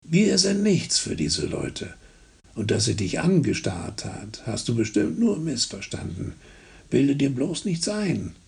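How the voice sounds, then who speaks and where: A man voicing a sick peasant father of about fifty, with a hoarse, raspy voice and a slow, reproachful way of lecturing his sons. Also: mid-range voice, sing-song, darkish tone, exaggerated voice. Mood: stern. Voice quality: raspy, gravelly.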